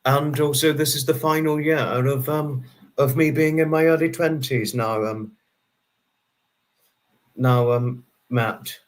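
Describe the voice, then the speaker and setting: Speaking slowly with frequent pauses, a young man in his twenties keeps a steady tone at medium pitch as he hosts a relaxed livestream. He answers commenters by name in a friendly, meandering way, restarting sums aloud as he goes.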